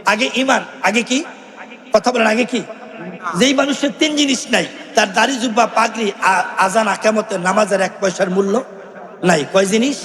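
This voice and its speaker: A man's voice: high voice, normal speed. A man preaching a fervent sermon at an outdoor religious gathering through a stage microphone, calling out to the crowd and breaking into devotional song. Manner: chanting, call-and-response with the crowd, bursts into song. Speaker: Islamic preacher. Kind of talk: impassioned Bengali waz sermon with sung devotional verses. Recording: echoey loudspeaker sound with long reverb.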